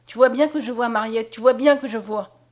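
Gentle blind young guy, woman reading him, soft tender voice, storybook. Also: a little high, fairly quick, natural voice. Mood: amazed. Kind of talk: audiobook character voice.

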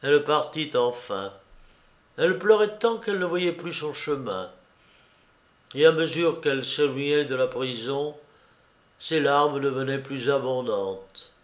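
A man reading a literary story aloud in a measured, sombre narrating voice. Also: mid-range voice, a bit bright, roomy sound. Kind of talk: audiobook reading of literary prose.

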